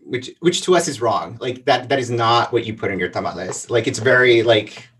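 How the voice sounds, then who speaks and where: A man's voice: mid-range voice, normal speed, a bit bright, distant mic, a little hiss or hum. A man in his thirties from the El Paso and Juarez border region, telling a childhood story in a casual interview, rambling with many fillers. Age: 30s. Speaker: guest.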